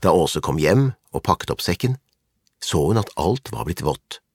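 Male storybook narrator, husky, lively intonation, dry close sound. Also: deep voice, dry recording. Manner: calm, measured narration. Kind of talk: storybook reading.

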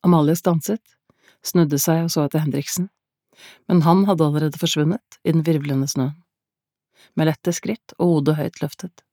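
Woman audiobook narrator, deep voice, measured pace, dry studio sound. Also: steady tone, dark tone, no room sound. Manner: measured, unhurried storytelling. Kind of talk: scripted narration.

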